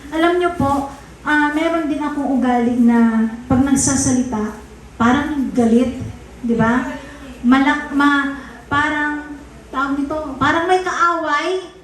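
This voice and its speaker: High-voiced woman pastor in echoey hall. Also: a little hiss or hum. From Visayas, Philippines. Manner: teasing the congregation, unhurried and emphatic. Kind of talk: conversational sermon.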